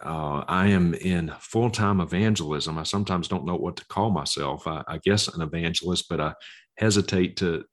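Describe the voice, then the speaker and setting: A man from the American South speaks in a low-pitched voice with a Southern drawl. He is a preacher talking conversationally as a guest in an interview. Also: moderate pace. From Mississippi, US.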